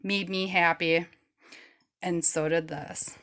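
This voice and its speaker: A woman's voice: on the low side, steady tone, slow pace, a bit bright. A woman vlogger chatting casually as she shows her beach finds, rambling and laid-back, and shrugging off her own mistakes. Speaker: rockhounding vlogger. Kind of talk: casual show-and-tell chat.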